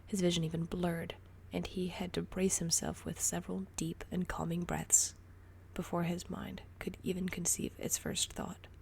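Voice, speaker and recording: A woman reading a story aloud in a soft, breathy whisper. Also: fairly low pitch, flat delivery, moderate pace. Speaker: story reader.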